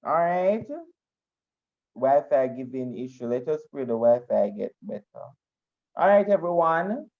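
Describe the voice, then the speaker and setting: A male teacher lectures at a slow, deliberate pace over a video call, circling back and repeating phrases as he works through his points. His mid-range voice comes through dull and lo-fi, with the muffled, compressed quality of online call audio. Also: medium pitch, animated, creaky. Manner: repeats and restarts phrases as he explains. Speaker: history teacher.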